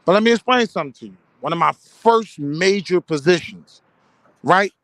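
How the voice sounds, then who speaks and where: A man's voice: sits high, expressive, moderate pace, a bit bright, dry recording, studio quality. An American man in a casual debate, explaining his points emphatically and with slang. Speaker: panel discussion participant.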